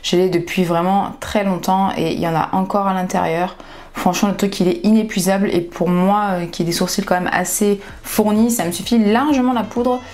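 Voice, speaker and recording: A woman's voice: medium pitch, fairly even intonation, a little fast, a little mellow. A woman beauty vlogger with a groggy morning voice, chatting casually through a makeup tutorial. She is candid and often trails off and restarts her sentences.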